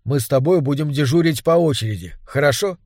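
A man voicing a composed doctor who calmly reassures his frightened friend. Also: on the high side, fairly quick, no echo, studio quality. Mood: reassuring. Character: composed male doctor, shaken but steady. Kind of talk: audiobook character reading.

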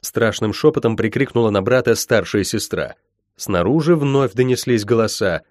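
A man reading an audiobook aloud in expressive, dramatic scripted narration. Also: on the low side, normal speed, no echo, studio quality. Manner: dramatic, varied delivery. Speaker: audiobook reader.

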